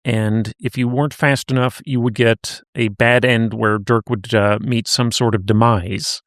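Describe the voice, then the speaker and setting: A man's voice: mid-range voice, fairly even intonation, unhurried, no echo, studio quality. A man co-hosting a podcast, recapping and chatting in a conversational storytelling way. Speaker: podcast co-host. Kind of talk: casual podcast chat.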